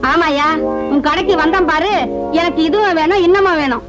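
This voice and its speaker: An actress playing a sharp-tongued woman customer in a Tamil film comedy, complaining about the shop. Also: extremely high pitch, fairly quick. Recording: film soundtrack with loud guitar music.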